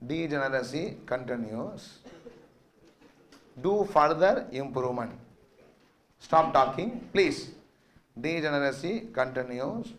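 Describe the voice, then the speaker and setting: A man's voice: mid-range voice, a little hiss or hum. A middle-aged man with a South Indian accent lecturing a maths class, repeating phrases for note-taking and quizzing students. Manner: quizzing, prompting questions to students. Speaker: maths teacher.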